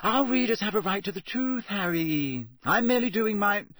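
A man voicing Rita Skeeter, a smug, scheming woman journalist who talks fast and condescendingly in an audiobook reading. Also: high voice, lively intonation, a bit bright, dry recording, pitched above the performer's own voice. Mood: sugary.

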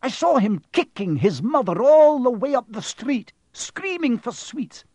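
Man voicing Professor McGonagall, high, indignant older witch. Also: expressive, slow pace, no room sound, studio quality. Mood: horrified, indignant. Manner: emphatic, indignant. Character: stern, agitated older woman professor, shocked and protesting. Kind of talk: audiobook character voice.

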